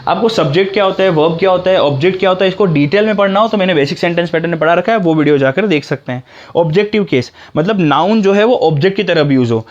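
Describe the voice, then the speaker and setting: Male teacher, high voice, dull lo-fi recording, patient step-by-step grammar explainer. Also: fast. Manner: explains step by step, asks himself questions. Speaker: English teacher. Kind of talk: classroom grammar lesson.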